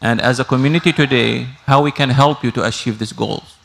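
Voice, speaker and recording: A man in the audience at a mosque gathering asks a question in a halting way, with many pauses. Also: medium pitch, creaky. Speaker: audience member. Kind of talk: asking a question at a community Q&A. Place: mosque hall.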